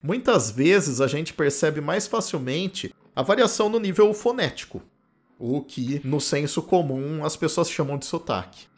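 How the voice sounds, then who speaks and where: A man from the interior of São Paulo with a Campinas accent and retroflex caipira R, a linguistics professor explaining ideas in a podcast lecture recorded in his home office, often adding "né?" tags. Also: on the high side. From Campinas, interior of São Paulo state, Brazil.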